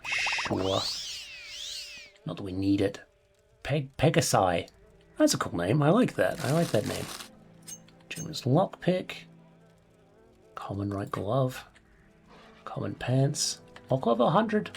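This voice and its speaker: A man's voice: medium pitch, big pitch swings, takes it slowly, creaky, long pauses, faint music behind. A man hosting a let's play, casually reading off items, swearing and chuckling as he plays. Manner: mutters item names, swears, chuckles often. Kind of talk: casual gameplay commentary.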